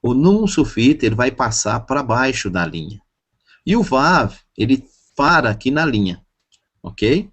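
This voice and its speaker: A man teaching a class, speaking slowly and repeating each word for his students to drill pronunciation. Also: medium pitch, big pitch swings, a bit bright, slightly rough. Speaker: Hebrew teacher. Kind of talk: classroom lesson.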